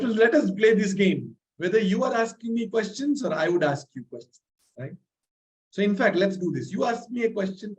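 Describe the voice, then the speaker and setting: A man with a voice that sits high runs a live online training masterclass with audience questions, sounding energetic and motivational and often checking in with "right?" Speaking loudly has left his voice a little strained, and the audio quality is poor.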